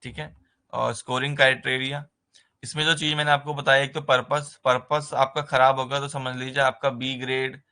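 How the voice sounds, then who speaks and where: Bright-voiced male tutor explaining slowly. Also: mid-range voice, little pitch movement. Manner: conversational, repeats "ठीक है" as a filler, mixes English terms into Hindi. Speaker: nursing exam tutor. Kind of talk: explaining exam basics in a recorded lesson.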